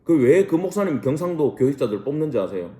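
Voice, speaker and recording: A man's voice: fairly high pitch, sing-song, fast, dark tone, echoey room. A man, a pastor, teaching a Bible study class in a church room, asking rhetorical questions and mixing casual and polite speech.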